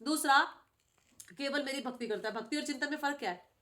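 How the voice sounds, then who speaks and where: A high-voiced middle-aged woman leads a devotional scripture class. She talks in an animated way and keeps quizzing her students with tag questions. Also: a little fast. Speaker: spiritual teacher.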